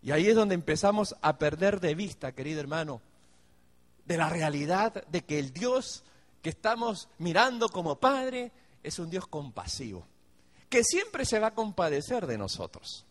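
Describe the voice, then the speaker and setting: High-voiced man preaching in a reverberant hall. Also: very animated, normal speed. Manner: acts out pleading believers in raised voice. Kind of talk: sermon.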